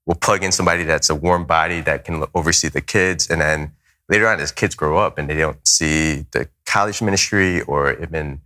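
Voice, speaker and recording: A man's voice: rumbling low, sharp tone. A man serving as a chaplain, speaking earnestly in a roundtable discussion with frequent restarts. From United States. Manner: earnest, halting, with many restarts.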